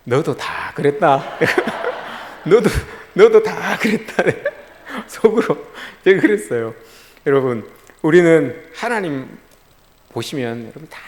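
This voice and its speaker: A man's voice: fairly high pitch, darkish tone. A middle-aged male pastor delivering a sermon in a conversational storytelling way. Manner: storytelling, conversational, addresses listeners often. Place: church sanctuary. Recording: long reverb in a church hall.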